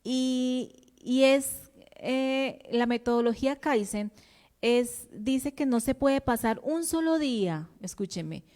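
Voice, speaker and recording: A woman's voice: sits high, lively intonation, slow pace, a little mellow. A woman psychologist, explaining emotional health in a conversational way and speaking directly to her listeners.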